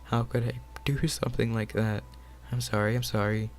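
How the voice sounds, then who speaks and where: A man's voice: medium pitch, level tone, moderate pace, lightly acted. A man voicing a shy, nervous young woman, reading her lines in a hesitant, stammering way in a game.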